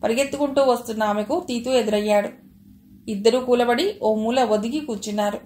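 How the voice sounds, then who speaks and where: A woman's voice: on the high side, brisk, darkish tone, reverberant. A woman reading a novel aloud as the narrator, with small shifts for the characters' lines. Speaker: audiobook narrator.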